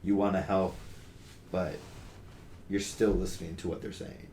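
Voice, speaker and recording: A young male podcast co-host speaks in a low-pitched, slightly mellow voice with a flat delivery at a moderate pace. The discussion is casual and earnest, full of fillers and restarts. Faint noise and a roomy sound fill the recording.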